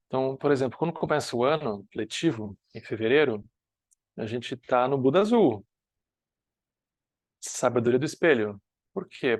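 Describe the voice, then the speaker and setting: Male teacher, northern Brazilian accent, mid-pitched voice, dry close recording, easy conversational delivery. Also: no echo. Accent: Brazilian Portuguese, northern (uses "tu"). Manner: conversational, often asks "né?", with dips to soft quiet asides. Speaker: Buddhist study group teacher. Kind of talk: relaxed spoken teaching talk.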